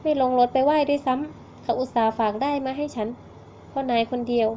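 A woman's voice: sits high, fairly even intonation, brisk, mellow, slight background noise, close to an everyday voice. Woman doing a spoiled young actor guy, complains a lot, kinda muffled audio. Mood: angry. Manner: petulant, complaining. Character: young male movie star, bratty, hot-tempered.

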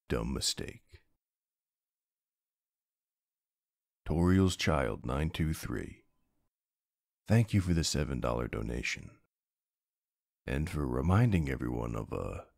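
Very deep-voiced, flustered young streamer boyfriend played by a man. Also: very animated, measured pace, creaky, a little mellow, no room sound, studio quality, full character voice. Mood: sheepish, playful. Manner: teasing, easily flustered, affectionate. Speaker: roleplay voice actor. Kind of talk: boyfriend role-play, casual livestream chat.

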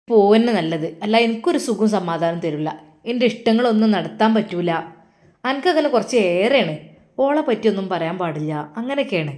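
A woman's voice: medium pitch, darkish tone, close to an everyday voice. Storybook mother with a Malappuram accent, harsh and dismissive, as a woman narrator puts her on. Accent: Malappuram Malayalam. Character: stern scolding middle-aged mother.

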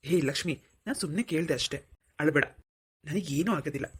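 A woman voicing a kind, protective young man in a cartoon, who soothes and teases gently. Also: sits low, fast, breathy edge. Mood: reassuring. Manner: soothing, playful reassurance. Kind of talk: cartoon voice acting.

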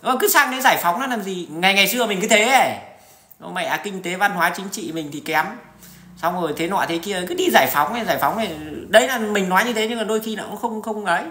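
A man's voice: high-pitched, fast talker, sharp tone. A middle-aged man, talking to his viewers in a blunt, coarse, rambling monologue full of restarts and swearing. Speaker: vlogger. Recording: roomy echo.

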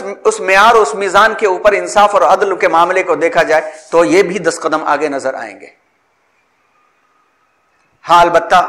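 Male lecturer with a somewhat high voice, formal and deliberate, ornate phrasing, self-corrects. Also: fairly bright tone. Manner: measured, formal Urdu-heavy phrasing with frequent restarts. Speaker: history lecturer.

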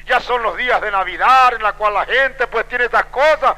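A male preacher with a high, very bright and cutting voice delivers a dramatic sermon. He acts out the people in his stories and moves between fervent loud peaks and quiet, low passages. The sound carries a long reverb from a large church hall. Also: normal speed. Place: church sanctuary.

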